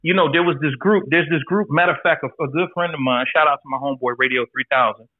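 A man's voice: on the high side, fast, no room sound. A man in his forties talking as a podcast guest in a laid-back, candid, profane way. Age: 40s. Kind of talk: casual chat. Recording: tinny phone-like line, dry.

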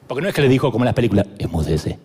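A middle-aged man preaching a sermon as pastor, animated and humorous, acting out scenes with shouted quotes. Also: medium pitch, rapid-fire, husky.

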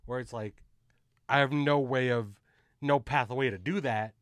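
A man's voice: medium pitch, measured pace, fairly bright tone, clear, resonant tone, no room sound. A man hosting a casual podcast chat, loose and slangy, with a profane, easygoing delivery. His voice sits in a middle range and sounds dry and close, with no room around it. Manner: laid-back, slangy and profane, lots of "you know what I mean". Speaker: podcast host.

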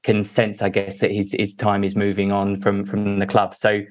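A man's voice: on the low side, completely flat delivery, normal speed, faint music behind. A man talking through football opinions as a podcast guest, casual and conversational.

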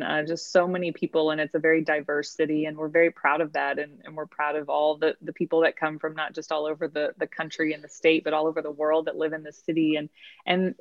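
A woman's voice: low-pitched, dry recording, highs cut off. A woman with a Texas accent, a baseball field reporter, speaking proudly in a casual podcast interview and often repeating words as she starts a sentence.

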